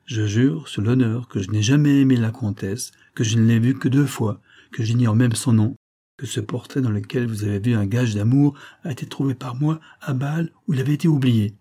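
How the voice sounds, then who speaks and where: A man's voice: medium pitch, a little fast, mellow, natural voice. A man voicing a proud young man facing a duel, speaking in solemn, formal oaths.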